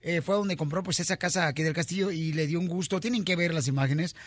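A man hosting a morning radio comedy show, telling jokes loudly and playfully. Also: a little high, quick pace, no room sound. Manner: loud, playful joke-telling.

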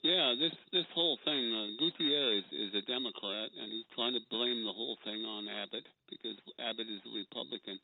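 A man's voice: medium pitch, brisk, gravelly, few pauses. A man calling in to a talk radio show, his voice muffled as if heard through a wall, speaking bluntly. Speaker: caller. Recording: muffled tinny phone line with static.

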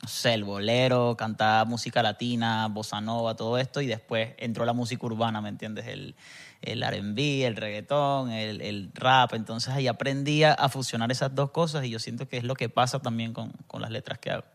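A man's voice: medium pitch, steady tone, a little fast. Reflective man, rambling chat. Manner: rambling, reflective, asks "me entiendes" often. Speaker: guest musician. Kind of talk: casual podcast chat.

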